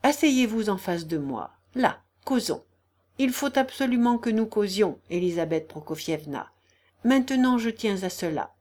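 A woman reading an audiobook, voicing a dying young man who speaks quietly, hoarse and weary. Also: mid-range voice, expressive, measured pace. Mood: soft, weary. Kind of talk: audiobook character voice.

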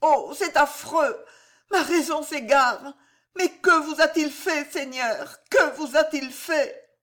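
A woman's voice: sits high, takes it slowly, a bit bright, pitched above the performer's own voice. A woman voicing a desperate young noblewoman who begs and sobs for mercy in an audiobook reading. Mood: desperate pleading. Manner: frantic, sobbing pleas. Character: desperate young noblewoman, pleading wife and mother.

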